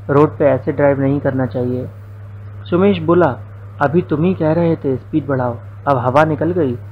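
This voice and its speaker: A man's voice: mid-range voice, phone-quality sound, a little hiss or hum. A young man narrating a first-person story, with quoted dialogue folded into his telling.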